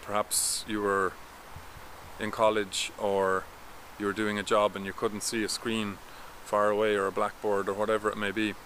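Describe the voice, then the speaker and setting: A vision coach in his thirties records a talking-head vlog outdoors in a garden, holding the camera at arm's length. His fairly low voice moves at a normal speed, and he explains things steadily and instructively, step by step. The recording is low quality, with a little hiss or hum.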